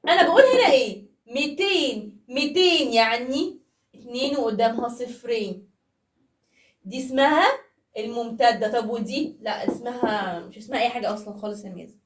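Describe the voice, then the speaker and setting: A high-pitched woman with an Egyptian accent teaching primary math in a playful, chatty tone, asking the children questions as she goes. Her voice echoes in the room and sits somewhat away from the microphone. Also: lively intonation, fairly quick, far from the mic. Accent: Egyptian Arabic. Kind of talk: casual classroom explanation to young children.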